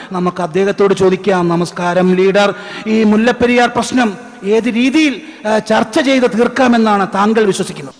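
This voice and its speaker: Brief: male performer as a stiff, formal TV anchor. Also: high-pitched. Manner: formal, measured news-anchor delivery. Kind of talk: stage mimicry of a TV news hour. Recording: stage hall reverb.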